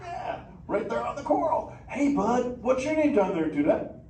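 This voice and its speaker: A man performs a laid-back surfer sea turtle in a live interactive theater show, drawling slang and teasing the crowd. His voice is very high and sing-song, with a dark tone and a moderate pace. The recording is noisy and echoey, captured from far back in the theater.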